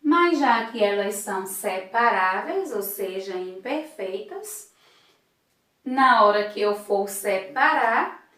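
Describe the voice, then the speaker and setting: A woman's voice: mid-range voice, lively intonation, slow pace, bright, forceful tone, far from the mic. A woman teacher, patiently explaining a lesson and sounding out syllables one at a time. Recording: echoey room, voice off-mic.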